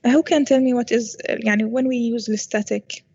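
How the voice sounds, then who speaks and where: Woman lecturer, Arabic accent, teacher to class, fairly high voice, dull lo-fi audio, mixes Arabic and English. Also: steady tone, fairly quick, darkish tone, breathy edge. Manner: switches between English and Arabic, checks understanding often. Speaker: university programming lecturer.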